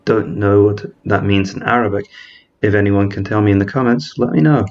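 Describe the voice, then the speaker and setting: Speaking a little fast in a darkish, lowish voice with fairly even intonation, a man provides methodical commentary on a strategy game. The highs are cut off in the recording. As a let's-player explaining his moves, he thinks aloud and corrects himself mid-word.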